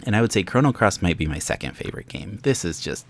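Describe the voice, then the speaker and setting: A man's voice: fairly low pitch, lively intonation, fast talker, a little hiss or hum. A man giving casual gameplay commentary as the host of a let's play. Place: indoors, game music behind the voice.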